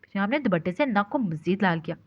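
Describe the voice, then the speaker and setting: Expressive woman reading a novel aloud. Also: medium pitch, quick pace. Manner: expressive, doing every character. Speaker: novel reader. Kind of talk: storybook narration. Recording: dull lo-fi recording.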